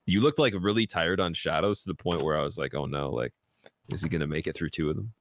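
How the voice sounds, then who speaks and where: A man's voice: low-pitched, quick pace, slight background noise. A man commentating a live gaming match, joking and asking questions. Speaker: guest commentator.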